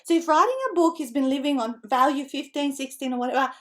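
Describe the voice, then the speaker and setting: A middle-aged woman from North Macedonia, a native Macedonian speaker with a Macedonian-tinged Australian accent, presents an online seminar as a book-writing coach. Her voice is high and quick, and she's energetic and chatty, with frequent tag questions and laughs.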